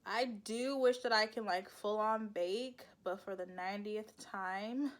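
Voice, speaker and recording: A woman's voice: mid-range voice, measured pace. A young woman, chatting casually through a makeup tutorial, rambling and laughing at her own slips. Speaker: beauty vlogger.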